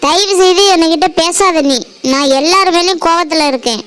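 A woman's voice: very high voice, normal speed, fairly bright tone. A woman voicing an offended village woman in a cartoon, who answers curtly and refuses to talk. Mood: huffy. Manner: curt, huffy. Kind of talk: cartoon voice acting.

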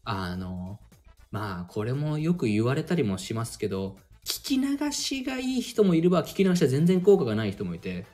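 A man hosting a podcast, casually giving step-by-step study advice and filling his pauses with little hesitations. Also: medium pitch, very animated, warm tone, soft background music. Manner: explains step by step with many fillers. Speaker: podcast host and language mentor.

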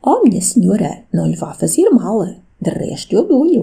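A woman voicing a worried, loyal maid in an audiobook, anxious and imploring, rising high when alarmed. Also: very animated, normal speed, gravelly, dark tone, breathy edge, heavily acted.

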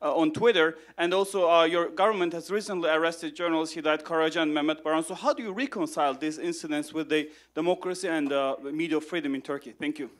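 A male journalist in a conference hall asking a pointed question from the audience. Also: a little high. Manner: pointed, brisk.

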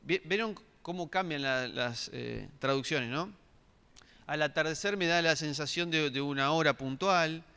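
A man's voice: a little high, measured pace, creaky, bright, forceful tone, smooth. A middle-aged man, giving a sermon and asking the congregation questions, with many restarts. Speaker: pastor. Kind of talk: interactive sermon. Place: church hall. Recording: long reverb of a church hall.

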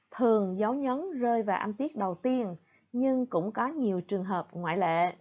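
A woman teacher with a Vietnamese accent talks through an online lesson at a slow, deliberate pace, her voice sitting a little high. She says each point in English, then again in Vietnamese. The recording sounds dull and lo-fi. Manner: careful, slow delivery.

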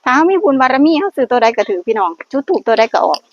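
A woman with a high, sing-song voice speaks quickly in an Isan accent from Northeastern Thailand. On temple grounds, she casually vlogs blessings and guides lottery luck prayers, earnestly addressing viewers as brothers and sisters. Faint noise runs through the dull lo-fi recording.

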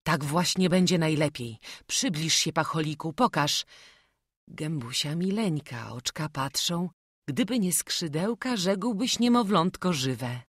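A woman voicing a frail, kindly young prince who speaks softly in old courtly phrases, in an audiobook. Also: sits low, lively intonation, measured pace, slightly rough, no room sound, clean studio sound, full character voice. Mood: gentle. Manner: soft, kindly, old-fashioned courtly speech.

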